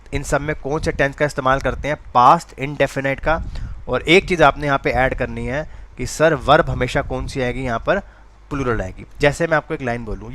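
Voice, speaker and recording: A man's voice: fairly high pitch, a bit bright. Man, grammar teacher, classroom lecture, rhetorical questions, repeats key points. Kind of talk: classroom lecture for exam preparation. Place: classroom with online students.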